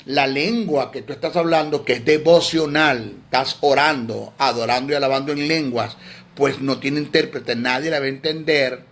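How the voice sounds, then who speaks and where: A man's voice: mid-range voice, moderate pace, fairly bright tone. A man teaching theology in a sermon, emphatic and scolding, often repeating words.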